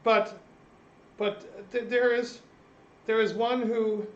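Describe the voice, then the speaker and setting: Man putting on a high, stammering, frightened servant woman. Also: little pitch movement, slow pace, muffled recording. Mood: flustered, frightened. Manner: stammering, hesitant, nervous. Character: frightened, flustered female servant guarding her master's door. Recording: echoey room, faint noise.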